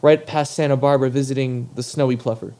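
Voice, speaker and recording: A man's voice: medium pitch, steady tone, fast, mellow. A young man hosting a casual comedic podcast, joking in mock-formal phrases and swearing casually. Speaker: podcast host.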